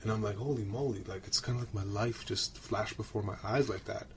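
A Romanian-born man who grew up in Canada co-hosts a podcast, telling rambling, colloquial personal stories in casual chat. His voice is fairly low and fairly even, his pace fairly quick, with a slight hiss or hum in the recording.

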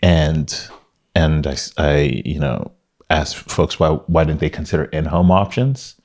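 A man from Miami, Florida, with an extremely low, deep voice, appears as an interview guest talking about his company. He tells his story at an easy pace in casual, relaxed fashion, often restarting sentences and filling pauses.

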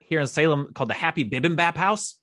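A man's voice: a little high, quick pace, sharp tone. A man co-hosting a casual podcast chat, enthusiastic and swearing casually.

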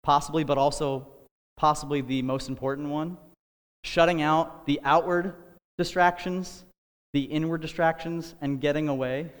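In what sounds like a large hall, a fairly high-pitched man preaches on a podcast while out of breath. He keeps things earnest and conversational, slipping in fillers and casual side remarks.

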